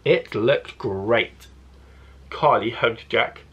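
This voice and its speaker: The high frequencies are cut off in this clip of a male primary teacher reading aloud for kids. He narrates expressively and deliberately, his mid-pitched voice a little husky.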